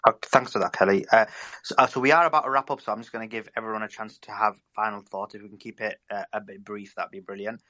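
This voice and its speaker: A man moderating a discussion panel, brisk and polite as he hands over the floor. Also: lowish voice, fairly even intonation, bright, forceful tone, no echo. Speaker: host.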